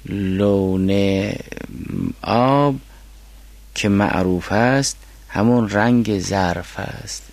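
A man teaching a class on a mystical philosophy text, reading classical quotations slowly and then explaining them. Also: deep voice, gravelly.

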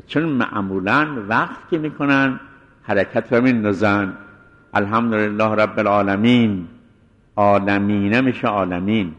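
Low-voiced man teaching recitation rules. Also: long reverb tail. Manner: explains step by step, chants Arabic verse examples slowly. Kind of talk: spoken lesson.

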